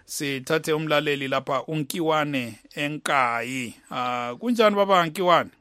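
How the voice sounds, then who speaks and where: A bright, forceful male radio host heard dry and close in a studio. He has a Zulu-like Zimbabwean Ndebele accent and speaks haltingly, with many filled pauses. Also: fairly high pitch, no room sound. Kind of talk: live radio phone-in hosting. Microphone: close studio microphone.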